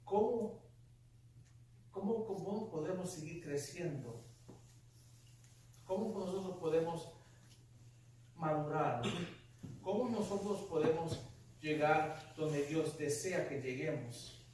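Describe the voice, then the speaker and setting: A man's voice: on the high side, expressive, slow, pauses often, a little mellow, slight background noise. A man preaching a sermon as pastor, emphatic and full of rhetorical questions. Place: church sanctuary. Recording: echoey church hall, distant mic.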